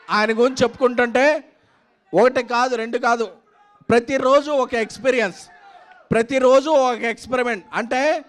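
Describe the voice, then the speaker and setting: A man's voice: extremely high pitch, a bit bright. A man giving a rousing promotional stage speech, emphatic and declamatory, building in punchy repeated phrases. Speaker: film producer giving a speech. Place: on stage at a film promotion event.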